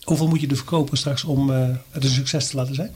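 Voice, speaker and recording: A man interviewing an author, asking brisk, leading questions. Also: medium pitch, steady tone, darkish tone, slight background noise.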